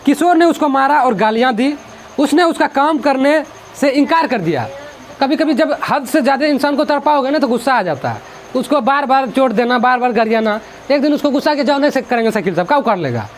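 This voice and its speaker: Guy teaching a hindi chapter, chatty and keeps repeating, really high voice. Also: animated, brisk, slight background noise. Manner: chatty, repetitive, mixes in English words. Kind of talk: explaining a school literature chapter.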